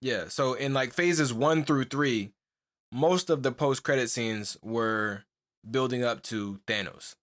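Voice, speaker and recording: Taking it slowly, a young male podcast co-host talks in a medium-pitched, slightly bright voice. The conversation is casual and rambling, crowded with "like," fillers, and restarts, and punctuated by frequent laughs.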